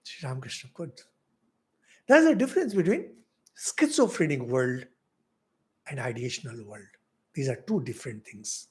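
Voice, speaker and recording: A middle-aged Indian man with an Indian English accent, a monk giving a spiritual lecture, asking rhetorical questions with big swings in loudness. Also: mid-range voice, sing-song, moderate pace, pauses often. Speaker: monk teaching spiritual philosophy.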